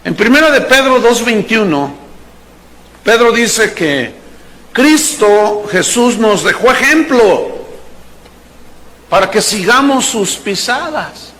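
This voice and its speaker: A man preaches in a high, bright register. His sermon is animated and playful, and he often slips into little acted-out voices for the people in his stories. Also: slow pace, long pauses. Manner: animated, playful preaching, acts out characters and jokes. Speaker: pastor.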